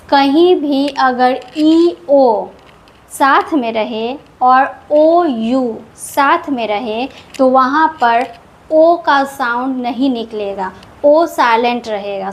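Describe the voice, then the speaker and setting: Woman teacher, high-pitched and unhurried, patient step-by-step explainer. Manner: explains each rule patiently, repeating words. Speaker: English reading teacher. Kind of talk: slow step-by-step lesson.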